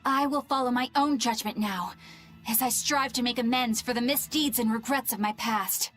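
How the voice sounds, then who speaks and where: A woman voices an earnest, principled young exorcist in a video game, with a high voice. She speaks resolutely over game music. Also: moderate pace, a bit bright, close to an everyday voice. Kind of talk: game voice acting.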